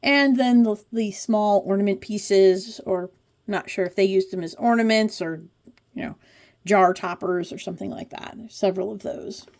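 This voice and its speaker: A woman in her forties runs a craft video, giving easygoing commentary on a pattern book as she pages through it, with chatty and wry side remarks. Her voice is medium-pitched and darkish, at a moderate pace.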